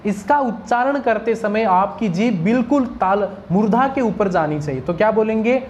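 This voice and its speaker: A woman's voice: medium pitch, expressive, moderate pace, a little mellow, muffled recording, a little hiss or hum. A woman teaching Sanskrit pronunciation, drilling single sounds and answering her own questions to the class. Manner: asks questions and answers them herself; drills sounds one at a time. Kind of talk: pronunciation lesson.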